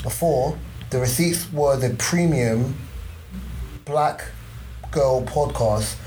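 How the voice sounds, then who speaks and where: A man's voice: mid-range voice, takes it slowly, dark tone, slight background noise, rough recording. A man chatting casually on a podcast, slangy and explanatory, reeling off examples. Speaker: podcast panellist.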